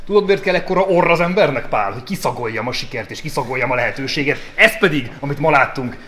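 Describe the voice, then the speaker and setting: A man's voice: mid-range voice, animated, sharp tone, slight background noise. A man playing a wrestling manager, boasting brashly in a backstage promo. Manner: cocky, brash.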